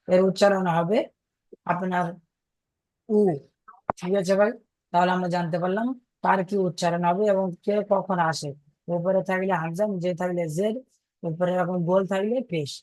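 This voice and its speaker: A man's voice: sits high, level tone, normal speed, darkish tone, no room sound. A man teaching Arabic letter reading in an online class, patiently repeating each point and quizzing his students over a video call.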